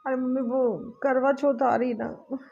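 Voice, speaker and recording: A woman plays a gentle young bride with a high, gravelly-edged voice, talking softly and pleadingly. The sound is dull and lo-fi, with faint music in the background. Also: flat delivery, unhurried. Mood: tearful. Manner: soft-spoken and pleading. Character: young married daughter, gentle and hurt. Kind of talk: amateur family short-film acting. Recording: dull lo-fi audio, soft music.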